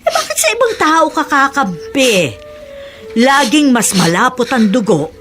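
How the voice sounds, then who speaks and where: A woman's voice: high voice, huge pitch swings, a little slow, fairly bright tone, soft background music, exaggerated voice. An actress playing a caring grandmother who soothes and lectures her grandson in a radio drama. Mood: comforting. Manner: soothing, scolding lightly. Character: gentle older grandmother giving advice. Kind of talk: Filipino radio drama acting.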